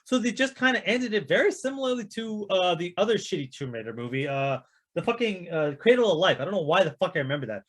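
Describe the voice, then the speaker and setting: This chat-show panelist ranking films talks fast in a high, sing-song voice. Casual yet blunt and opinionated, he rants about movies with heavy profanity.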